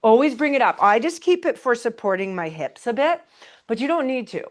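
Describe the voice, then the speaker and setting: A woman's voice: fairly high pitch, very animated, a little fast. A woman pilates instructor talks a class through each move. She calls breaths and counts in a friendly, encouraging way. Her cues are conversational rather than scripted. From Canada. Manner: chatty, laughs between cues. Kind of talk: live exercise class instruction.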